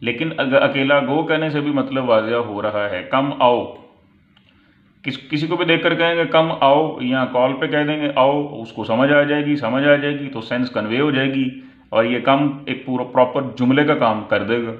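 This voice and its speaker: Guy doing a grammar lesson, reads examples real slow then explains, sounds like a phone in an echoey room. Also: medium pitch, phone-quality sound. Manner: slow, deliberate reading of English example sentences, then explaining in Urdu. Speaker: English grammar teacher.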